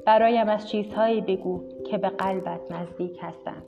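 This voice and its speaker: A woman narrator voicing a calm, direct old male professor who is dying, in gentle, measured quoted lines, over music on a dull recording. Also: medium pitch, lightly acted.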